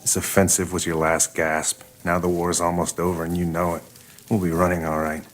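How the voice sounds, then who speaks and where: A man acting a combative American sergeant in a war film. His voice is low and his delivery blunt and defiant, over faint noise and clicks. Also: little pitch movement, brisk, lightly acted. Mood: defiant, scornful. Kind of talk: film drama dialogue.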